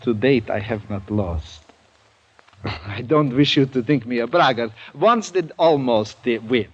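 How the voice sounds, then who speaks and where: An actor playing a boastful, cold-blooded aristocratic general in an old-time radio drama, urbane, courteous and pleased with himself. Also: male voice, mid-range voice, lively intonation, a little slow, breathy edge. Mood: chillingly polite. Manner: urbane, courteous, self-satisfied. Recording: dull old radio recording.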